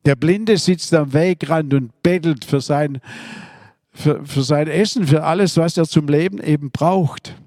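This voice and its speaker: A man's voice: on the high side, unhurried, a little mellow, no echo, studio quality. A man preaching a sermon, earnestly retelling Bible stories. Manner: earnest, storytelling, with fillers and restarts.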